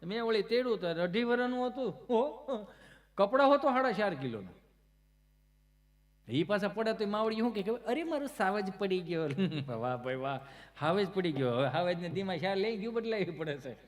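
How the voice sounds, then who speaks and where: A man telling comic stories on stage, chatty and anecdotal, acting out the other people's voices and breaking into loud chanted verse. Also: high-pitched, lively intonation, normal speed. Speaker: folk comedian and storyteller. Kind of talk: Gujarati comic storytelling on stage.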